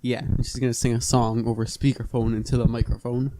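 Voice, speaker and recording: A young man chatting casually late at night, cracking deadpan, dry jokes. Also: mid-range voice, a little fast, background noise. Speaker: podcast guest.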